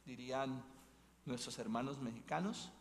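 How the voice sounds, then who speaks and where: A man's voice: mid-range voice, moderate pace, slight background noise. A man from Colombia, a bishop preaching an Advent mission sermon. He tells stories as he preaches and keeps tagging his sentences with questions to the congregation. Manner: storytelling preacher, leans on tag questions. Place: church. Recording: long church reverb.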